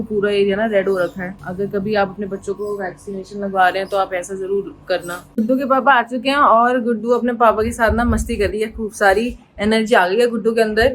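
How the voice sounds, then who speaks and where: A mid-pitched woman talks casually to her phone camera. She sounds emotional and worried, rambling with fillers. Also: rough recording. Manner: emotional, anxious, talks fast with many fillers. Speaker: vlogger and mother. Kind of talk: casual family vlog talk to camera.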